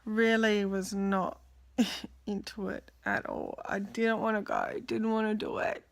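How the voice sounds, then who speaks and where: A woman's voice: mid-range voice, wildly swooping pitch, slow, gravelly. Woman, young adult, video diary; tired, candid, rambling delivery, worn out and close to tears. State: exhausted and emotional. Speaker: vlogger. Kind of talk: casual personal video diary.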